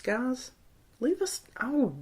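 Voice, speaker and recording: A woman's voice: sits high, sing-song, extremely slow, a little mellow. A woman co-hosting a podcast, chatting casually with crude jokes and frequent laughter. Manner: giggly, joking, crude banter. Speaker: podcast co-host. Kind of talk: casual chat.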